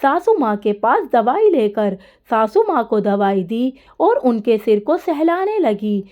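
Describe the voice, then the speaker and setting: Slow, wry woman storyteller. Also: fairly high pitch, highs cut off. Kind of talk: first-person story narration.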